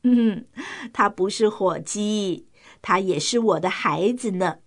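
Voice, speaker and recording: A woman's voice: on the high side, expressive, a little slow, a bit bright. A woman voicing a kindly, patient mother duck in a children's storybook, caring and reassuring toward her ducklings. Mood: relieved, tender.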